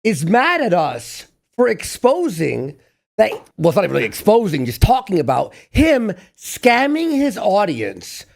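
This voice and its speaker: A man's voice: sits high, wildly swooping pitch, a little slow, creaky. A man co-hosting a podcast, chiming in with mocking, profane commentary. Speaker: podcast co-host. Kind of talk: casual commentary.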